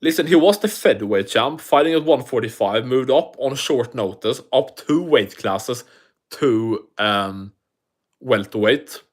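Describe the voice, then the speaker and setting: This man's mid-range voice is expressive and unhurried, marked by a thick non-native accent. Answering viewer comments on a casual livestream, he rambles, swears and often starts his sentences over.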